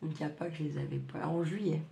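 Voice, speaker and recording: A craft video host, a woman with a fairly low, gravelly voice, rambles casually to viewers at a fast clip and a steady tone, blunt and colloquial as she wanders between asides. A dental appliance gives her a lisp that slightly slurs and softens her sibilants. Background noise is clearly audible in the recording.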